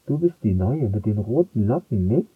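A man's voice: on the low side, sing-song, normal speed, slightly rough, no room sound, full character voice. A man voicing a shy young neighbor who speaks hesitantly from behind a wall, sounding muffled. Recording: muffled, phone-like filter.

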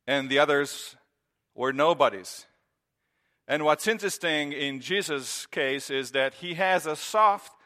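A man's voice: on the high side, bright, forceful tone. A man, preaching a sermon in an earnest, conversational way with repeated phrases. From Romania. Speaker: pastor.

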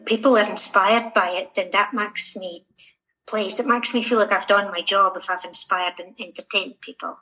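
Female writer as interview guest, Shetland Scottish. Bright, clear-cut tone, hesitant conversational delivery. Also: mid-range voice, fairly even intonation, normal speed, low-quality recording. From Shetland, Scotland.

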